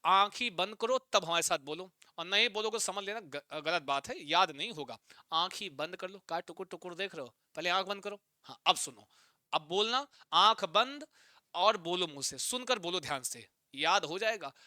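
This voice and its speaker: High, bright-voiced male teacher. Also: expressive, no echo, clean studio sound. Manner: chants the sutras slowly in a sing-song, mock-scolds students. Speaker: Sanskrit teacher. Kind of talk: exam-prep lesson with chanted recitation.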